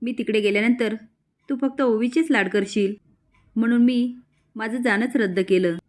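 A woman's voice: on the high side, moderate pace, a little mellow, lightly acted. A woman voicing a young married daughter who speaks playfully and tenderly, in a drama recap.

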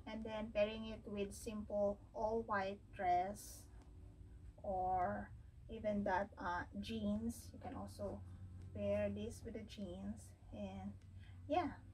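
A Filipino fashion vlogger in her thirties chats casually through a haul unboxing in an indoor room at home with wooden drawers. Her voice is mid-range, fairly even, slow and darkish, and the distant mic gives a rough recording. She speaks English with a Filipino accent, slips in Tagalog words and thinks aloud with fillers.

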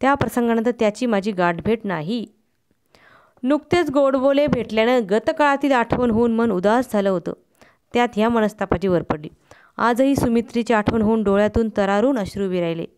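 A woman reads a short story aloud in a steady, expressive way, like a channel host sharing literature. Her voice is smooth and resonant and sits slightly high. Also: brisk.

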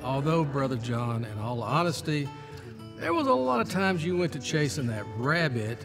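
Guy ribbing his pastor in a video, music under it. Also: mid-range voice. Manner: teasing, good-natured. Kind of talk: video interview. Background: music bed.

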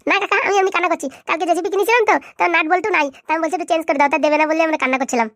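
A woman's voice: very high voice, steady tone, very fast, a bit bright, no echo, studio quality. A woman voicing a bratty, scheming little boy of about three in a cartoon, whiny and bossy, ready to turn on fake crying. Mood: pleading. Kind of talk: cartoon voice acting.

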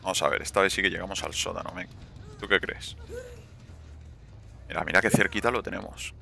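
A man's voice: low voice, steady tone, brisk, vocal fry, pushed and bright. A young man commenting live on his gameplay, swearing and taunting the other players.

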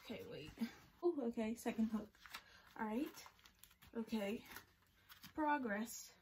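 A young woman with a fairly high voice talks to her viewers in a casual review vlog at home. She is a little out of breath and animated. A faint hiss sits under the recording. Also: takes it slowly. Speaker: vlogger.

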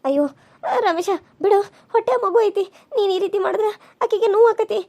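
An older village woman from a cartoon serial, as a woman puts her on, urging in slow, pleading tones. Her voice is very high. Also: darkish tone. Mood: urgent.

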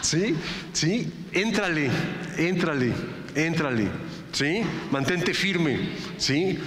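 A man's voice: fairly high pitch, animated, drawn-out words, a bit bright. A man preaching a sermon as pastor, talking in a conversational way and checking in with his listeners. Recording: echoey reverberant hall with faint ambience.

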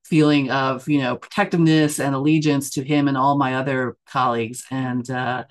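A middle-aged woman from the United States speaks in a relaxed interview. She talks thoughtfully, restarting her sentences and filling the gaps with small fillers. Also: extremely low pitch, normal speed. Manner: thoughtful, with many fillers and self-corrections. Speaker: church member and news editor being interviewed. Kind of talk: casual conversational interview.

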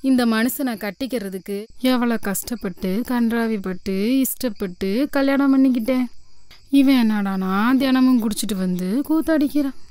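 A woman's voice: a little high, normal speed, smooth, natural voice. A woman playing a bitter, scolding village wife and mother, often tearful. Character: hard-pressed village wife, sharp-tongued, tearful. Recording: film dialogue under loud music.

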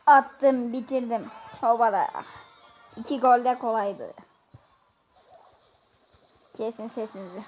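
A woman giving chatty, excitable commentary on her own gameplay, talking straight to her viewers. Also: a little high. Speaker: gaming YouTuber. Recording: dull lo-fi sound.

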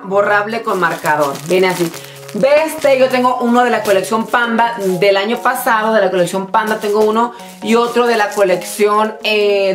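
Tired but bubbly woman vlogger. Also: mid-range voice. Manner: bubbly, excitable, talks straight to viewers. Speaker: vlogger showing a shopping haul. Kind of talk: casual chatty product show-and-tell.

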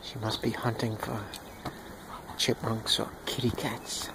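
A man narrating a home video in a hushed, mock-solemn wildlife documentary manner, outdoors in a yard. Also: lowish voice, completely flat delivery, measured pace. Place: outdoors in a yard with chickens and dogs. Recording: outdoor noise with bird calls.

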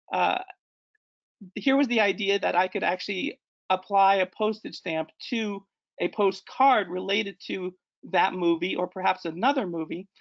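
A man's voice: high-pitched, vocal fry, a bit bright, highs cut off. A man in his forties, born in Ecuador, giving an online slideshow talk as a guest presenter, hesitant, with many fillers and self-corrections. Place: indoor room. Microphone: video call.

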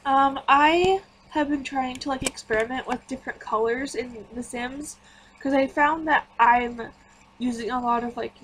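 A woman's voice: fairly high pitch, slight background noise, poor audio. A woman giving casual, rambling voice-over commentary on a home-building game. She sounds tired and chatty, drifting from one thought to the next. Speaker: gaming YouTuber.

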